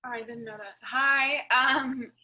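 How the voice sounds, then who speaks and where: A woman's voice: high voice, steady tone, sharp tone, low-quality recording. A young woman from Palestine introducing herself on a webinar panel, hesitant. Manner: slow, hesitant.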